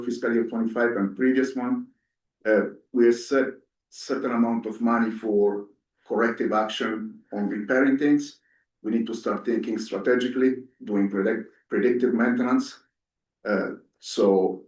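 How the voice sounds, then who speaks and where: A man born in Ethiopia and raised in Italy, a candidate giving an earnest, hesitant speech full of fillers at a community meeting. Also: mid-range voice. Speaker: board candidate. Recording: echoey room, voice from far off.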